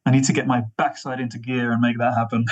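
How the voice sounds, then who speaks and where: A man with a husky voice, talking casually as an interview guest in a discursive way, repeating himself for emphasis. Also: medium pitch, little pitch movement, fast talker, muffled recording. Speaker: interview guest, theatre actor and director.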